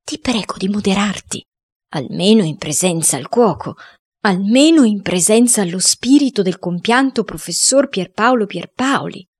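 A woman's voice: medium pitch, lively intonation, normal speed, a little mellow, breathy edge. A woman voicing a timid, henpecked school director who speaks meekly in a faint, embarrassed voice.

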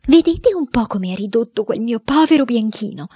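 A woman voicing a shrill, spiteful aunt who scolds a boy in an indignant, screechy voice. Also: expressive, moderate pace, warm tone, breathy edge, no room sound, clean studio sound.

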